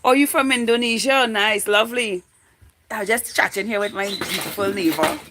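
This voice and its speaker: Over background noise, a forties-aged woman from Trinidad and Tobago chats loosely with her livestream viewers in a mid-range voice at normal speed. Her talk meanders, and she repeats phrases while thinking out loud.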